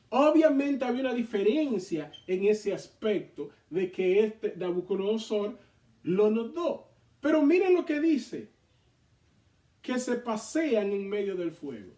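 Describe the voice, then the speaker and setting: High-voiced man teaching Bible study. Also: measured pace. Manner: animated, reads scripture aloud then explains it. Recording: echoey room, mic far off.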